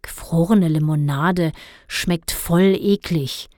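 A woman's voice: on the low side, takes it slowly, warm tone, no echo, studio quality. Woman doing a blunt young boy. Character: frank young boy, the friend.

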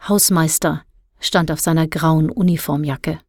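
Low-voiced woman narrating a story. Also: fairly even intonation, unhurried, a little mellow, no echo, clean studio sound. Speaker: audiobook narrator. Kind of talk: scripted narration of a youth novel.

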